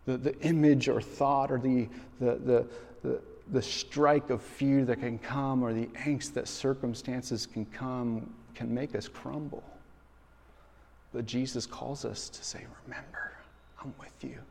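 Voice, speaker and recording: A man preaching a sermon as pastor, telling a story with lively acted-out quotes and frequent repeated words. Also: mid-range voice, measured pace, vocal fry, a little hiss or hum. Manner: animated storytelling, acting out quoted voices. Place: large room in a school. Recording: long hall reverb.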